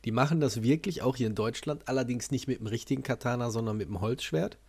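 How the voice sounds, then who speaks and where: A man's voice: medium pitch, fast talker, darkish tone, slightly rough. Blunt, opinionated male podcast host. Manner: blunt and dismissive, openly opinionated. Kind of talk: casual podcast conversation.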